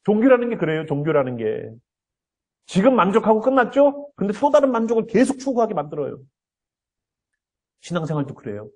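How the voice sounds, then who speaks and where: A man's voice: sits high, very animated, fairly quick, pauses often, darkish tone, breathy edge. A male pastor preaching an earnest sermon, often acting out the voices he quotes.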